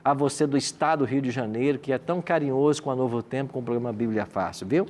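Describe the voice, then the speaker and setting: A pastor and host from Minas Gerais, Brazil, warmly introduces his studio guests, talking a lot and often ending remarks with tag questions. His medium-pitched voice is fast with a darkish tone. There's slight background noise.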